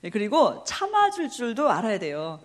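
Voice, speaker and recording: A middle-aged woman preaches at a Bible study in a fairly high voice that swoops up and down. She keeps throwing questions at her listeners and answering them herself. She laughs often as she tells her stories. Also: wildly swooping pitch, moderate pace. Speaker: missionary preacher.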